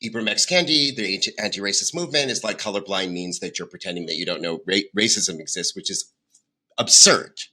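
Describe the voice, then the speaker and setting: A man's voice: low-pitched, a little fast, pushed and bright, breathy edge. A man in his fifties hosting a podcast, chatting and reminiscing in a loose, filler-filled way. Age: 50s. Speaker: podcast host. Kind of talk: casual chat.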